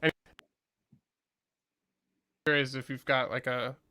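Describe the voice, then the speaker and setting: A man hosting a livestream, asking guests questions in a relaxed, casual way with a lot of "like" in his speech. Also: mid-range voice, measured pace, clear, resonant tone. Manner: relaxed, loose phrasing with frequent "like". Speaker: livestream host. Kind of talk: casual interview chat.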